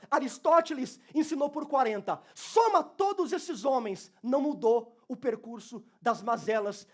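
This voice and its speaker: A man, a pastor preaching a church sermon with passion, going from soft talk to shouting. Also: very high-pitched.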